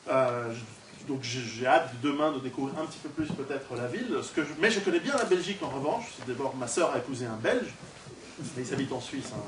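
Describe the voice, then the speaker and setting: A Swiss man, a guest lecturer and author, gives an informal talk in an indoor hall, chatting and joking with the audience, asking them questions and projecting his voice with no microphone on him. His mid-range voice is expressive and fairly quick. A distant camera or recorder picked it up, so the sound is echoey and noisy.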